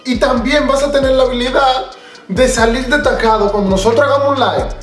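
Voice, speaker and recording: A young man with a Dominican Spanish accent and a strikingly high voice addresses his viewers. He talks in animated street slang, like a comedy host making an announcement. The room echoes, and light music plays behind him. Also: brisk. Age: young adult. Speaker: YouTube comedy creator, host. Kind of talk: comedic direct-to-camera channel announcement. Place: small indoor room with bare wall.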